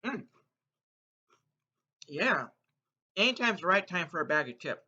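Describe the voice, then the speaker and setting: Male snack reviewer, high forceful voice, chatty and playful with viewers while crunching chips, slightly dull lo-fi recording. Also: sing-song, a little slow, slightly rough. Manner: eats crunchy chips between remarks. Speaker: food taste-test reviewer and host. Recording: dull, muffled lo-fi sound.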